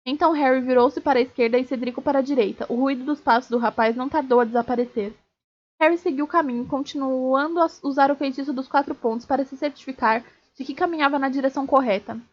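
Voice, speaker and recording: A woman streamer reading a novel aloud, steady, with small slips and restarts. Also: high-pitched, fast talker. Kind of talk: live read-aloud of a novel. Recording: dull lo-fi stream audio.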